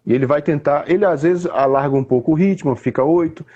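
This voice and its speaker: A Brazilian man with a mellow, slightly husky voice explains poetry in a relaxed conversation. He talks in an unhurried, teacherly way. He often restarts his phrases and tags them with "né?". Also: on the high side, muffled recording. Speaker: poet explaining literature. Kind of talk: casual conversation.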